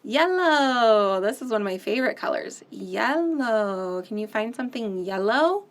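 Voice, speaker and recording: A woman whose voice leans high keeps a measured pace as she hosts a children's storytime. She reads picture books and sings nursery songs with animated, sing-song flair and loud, playful sound effects.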